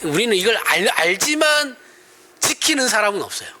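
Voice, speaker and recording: Bright, lively Gyeongsang-accented pastor. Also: male voice, high voice, moderate pace. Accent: Gyeongsang Korean. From Gyeongsang region, Korea. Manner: conversational, often asks the congregation for agreement, laughs at himself. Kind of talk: sermon.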